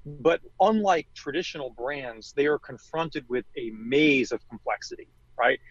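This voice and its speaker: A man's voice: medium pitch, measured pace, no room sound. Hesitant man with muffled audio. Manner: hesitant, many fillers and restarts. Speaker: guest, marketing executive. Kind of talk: conversational interview.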